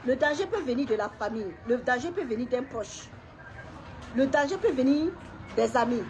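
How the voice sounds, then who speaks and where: High-voiced woman giving halting testimony. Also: expressive, darkish tone, a little hiss or hum. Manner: halting, repeats words, pauses and clears throat. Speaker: woman sharing a personal story. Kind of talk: emotional personal testimony to camera.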